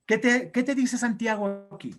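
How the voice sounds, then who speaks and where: A man's voice: very high-pitched, steady tone, normal speed. A male pastor preaching a sermon in an emphatic, exhorting way.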